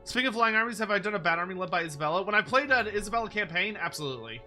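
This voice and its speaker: A man's voice: high voice, animated, racing, sharp tone. A man giving casual, playful game commentary with wry asides, as a streamer talking to viewers. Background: music behind the voice.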